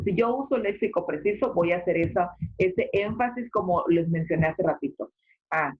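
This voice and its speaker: A secondary school teacher gives an online class lecture, explaining step by step and often filling pauses with "este" and checking in with "¿ok?". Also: mid-range voice, husky. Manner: explanatory, frequent filler "este" and check-ins like "¿ok?". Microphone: video call. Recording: muffled video-call audio.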